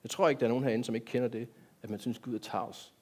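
A man's voice: mid-range voice, steady tone, darkish tone, husky. A man giving a sermon in a church, talking directly to the congregation and asking them many rhetorical questions. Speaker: pastor.

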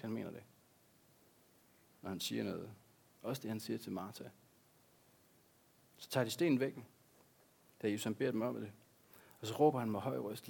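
A man's voice: fairly low pitch, vocal fry, a little mellow, breathy edge. A man, a pastor, preaching a sermon in an earnest way, repeating key words for emphasis.

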